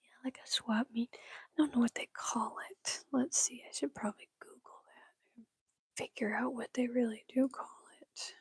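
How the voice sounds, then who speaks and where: A woman's voice: a little high, fairly even intonation, moderate pace, husky, no room sound. A woman whispering through a casual Q&A chat, rambling and giggling at herself. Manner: rambling, giggly, self-mocking. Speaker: channel host answering viewer questions.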